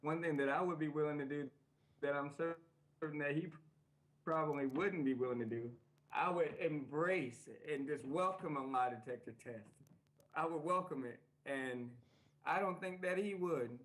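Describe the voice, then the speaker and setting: A man's voice: fairly high pitch, moderate pace, a bit bright, low-quality recording. A man being interviewed as a guest, speaking earnestly and emphatically, repeating his phrases.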